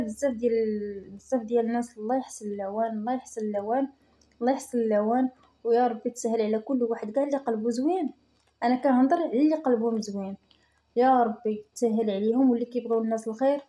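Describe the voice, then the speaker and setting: A woman's voice: a little high, mellow. A young woman with a Moroccan Arabic accent, giving earnest personal advice in a vlog and repeating phrases for emphasis. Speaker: vlogger.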